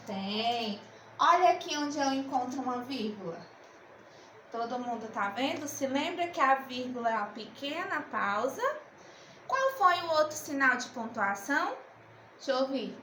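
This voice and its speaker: Slow, high-voiced woman teacher. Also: bright, forceful tone, roomy sound, a little hiss or hum, rough recording. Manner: slow, coaxing, asks and answers her own questions. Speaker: primary school teacher. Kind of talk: remote literacy lesson.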